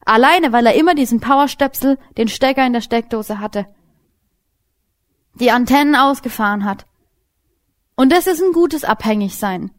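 Woman, young adult, informal sermon, higher-pitched, casual and direct. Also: moderate pace, pauses often. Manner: casual, lively, talks directly to listeners. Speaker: Bible teacher.

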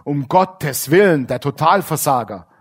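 A man preaching a lively, colloquial sermon, switching between loud emphasis and quiet asides. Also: on the high side, measured pace, slightly rough.

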